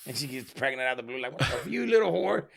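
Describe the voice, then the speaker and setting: A man's voice: medium pitch, big pitch swings, fast talker, gravelly, fairly bright tone. A man in his late thirties, a podcast guest, chatting casually with slangy jokes and frequent laughs. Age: late 30s. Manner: joking, slangy, laughs often.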